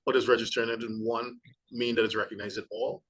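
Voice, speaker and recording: Bright-toned male interview host. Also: medium pitch, flat delivery, rough recording. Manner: polite, measured questioning. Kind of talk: interview questions.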